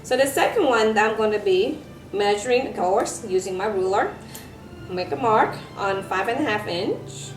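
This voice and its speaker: A woman giving a step-by-step craft lesson for children, speaking like a bright kids' presenter and teacher. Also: mid-range voice, lively intonation, moderate pace. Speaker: elementary science teacher presenting a craft tutorial. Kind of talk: step-by-step instructional demonstration for children. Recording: roomy echo with music behind.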